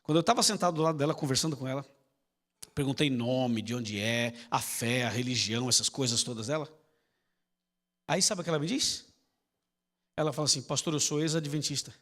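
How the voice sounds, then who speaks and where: A man's voice: medium pitch, expressive, fairly quick, pauses often, fairly bright tone. A man preaching as a pastor, telling a story to his congregation, acting out dialogue and speaking directly to them. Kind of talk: storytelling sermon. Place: church sanctuary. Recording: long hall reverb with piano music behind.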